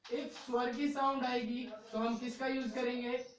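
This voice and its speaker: Recorded from afar in a heavily echoing room, with the voice off mic, this man teaches English grammar in a classroom-style video, patiently repeating himself and checking in by ending phrases with "okay" and "brother." He sounds extremely high-pitched, level, unhurried and slightly bright.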